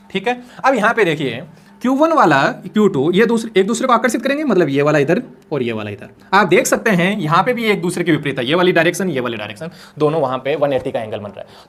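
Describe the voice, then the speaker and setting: A man's voice: high voice, a bit bright. A man teaching physics in a lecture, asking his own questions and answering them, repeating key points as he works through them on the board. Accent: Hindi. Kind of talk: classroom lecture explaining on a board.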